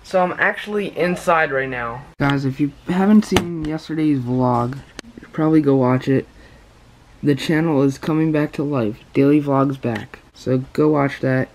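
A man's voice: a little high, moderate pace, slight background noise, poor audio. A young man in his late teens chatting casually in a home vlog, rambling with lots of fillers and self-corrections. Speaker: vlogger.

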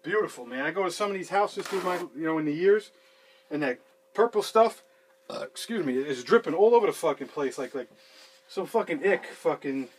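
A little high with lively intonation, he speaks briskly over a faint hiss or hum. This thirtysomething handyman is fixing a sink in a small basement room, rambling and swearing freely as he gives casual running commentary for a how-to video to a fixed camera a few feet away.

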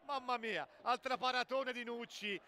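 Man, football commentator, breathless excited goal calls, high bright voice, shouted repetition, noisy stadium ambience. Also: normal speed. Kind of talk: Italian football match commentary.

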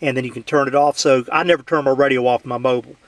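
Talking fast at a medium pitch and steady tone, a man shows off the CB radio in his truck. He's a radio hobbyist giving a casual demo, folksy and peppered with filler words.

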